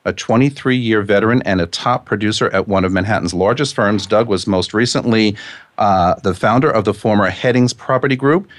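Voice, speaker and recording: A man's voice: lowish voice, moderate pace, no echo. A man hosting a radio show, reading from prepared notes with asides and stumbling over the odd word.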